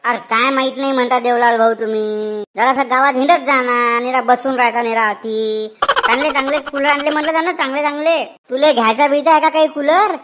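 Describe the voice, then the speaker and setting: A know-it-all cartoon villager who chides everyone around him, voiced by a woman. His voice is high and he talks in a Vidarbha Marathi accent. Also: steady tone, fairly quick, noisy background, close to an everyday voice. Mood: scolding. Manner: scolding, chiding. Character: fussy village man Shantaram, know-it-all. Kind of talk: cartoon comedy voice acting.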